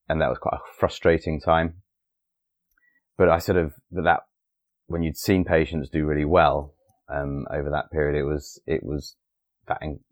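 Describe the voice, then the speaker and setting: A man's voice: very deep voice, highs cut off. A middle-aged man answering interview questions conversationally, often hesitating and rephrasing as he goes. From Essex, England. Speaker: guest, family doctor.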